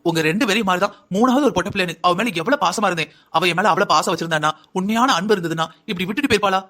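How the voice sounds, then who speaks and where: A man's voice: high-pitched, rapid-fire, sharp tone. A man voicing a stern middle-aged mother in a cartoon story who scolds her daughter with rhetorical questions. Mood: lecturing.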